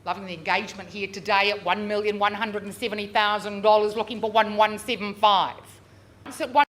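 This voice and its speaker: A woman working as a real estate auctioneer, calling bids live with drawn-out repeated figures and chatty coaxing of bidders. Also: medium pitch, fairly even intonation, fairly bright tone. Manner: drawn-out, repeated bid calls. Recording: noisy live auction room.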